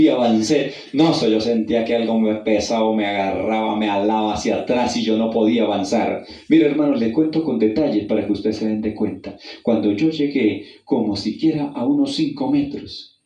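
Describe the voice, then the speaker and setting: A man preaching an evangelistic sermon. He tells a personal story, calls his listeners brother and asks them questions, and he goes from hushed and low to loud and high when he reads the scripture. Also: normal speed, lo-fi sound. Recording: roomy, distant mic.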